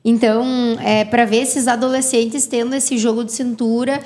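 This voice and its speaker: Give me a chatty woman, speaking a little high. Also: little pitch movement, normal speed, a little mellow. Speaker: guest entrepreneur. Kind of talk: casual podcast chat.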